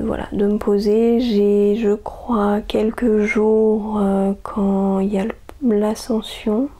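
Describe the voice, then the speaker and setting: A woman's voice: mid-range voice, warm tone. A woman, chatting casually about her knitting projects as host of a crafting podcast, hesitant, with many fillers and restarts.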